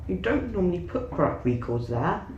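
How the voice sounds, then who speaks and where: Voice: medium pitch, big pitch swings, moderate pace, highs cut off. A vlogger giving casual running commentary while touring around. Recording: echoey, noisy lift interiors. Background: lift ambience noise.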